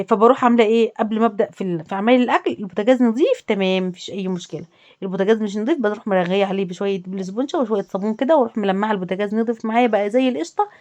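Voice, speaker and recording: A woman's voice: medium pitch, a little mellow. A woman with an Egyptian Arabic accent, a home lifestyle vlogger giving casual advice straight to women viewers, listing and repeating her points. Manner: talks directly to the listener, listing and repeating points.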